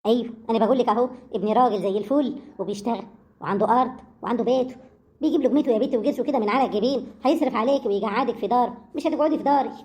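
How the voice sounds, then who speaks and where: A woman's voice: on the high side, rapid-fire, darkish tone, lightly acted. A woman voicing a fierce older village mother who scolds and insults a man over her son. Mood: furious.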